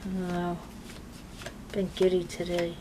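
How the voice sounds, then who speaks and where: A woman's voice: on the low side, completely flat delivery, measured pace. A woman giving a tarot reading, chatting casually with many fillers while she shuffles cards. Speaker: tarot reader. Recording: clear noise of card shuffling.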